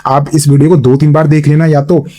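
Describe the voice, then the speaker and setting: A young male tutor gives an online exam-prep geography lesson in a mellow, somewhat raised voice. His voice is getting hoarse after a long session, and he keeps checking in with "okay?" between points, full of fillers and mixing two languages. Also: on the high side, little pitch movement, brisk. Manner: Hinglish, frequent fillers, checks in with "thik hai". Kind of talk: online lecture with map.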